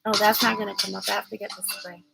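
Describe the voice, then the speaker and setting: A woman who teaches children to read hosts a casual livestream, mixing chat with a phonics lesson for a child in an encouraging, instructive way. Her mid-range voice is creaky and flat, moving at a quick pace, with music playing over it.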